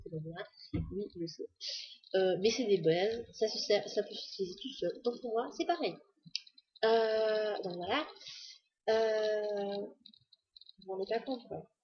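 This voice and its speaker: A woman talks casually and eagerly to the camera about her makeup haul, her voice very breathy and husky. She rambles with many fillers. The sound is dull and muffled, as from a basic home camera. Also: mid-range voice. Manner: chatty, enthusiastic, many fillers. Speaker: beauty vlogger.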